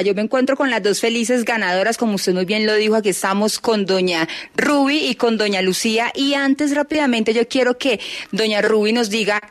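A woman reporting live on site, upbeat and effusive as she interviews people. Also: fairly high pitch. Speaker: field reporter.

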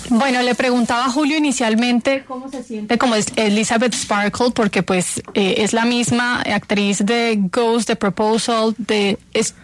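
A woman radio co-host who thanks the guests and briskly summarizes their answers in translation. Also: on the high side, fairly even intonation, a little hiss or hum.

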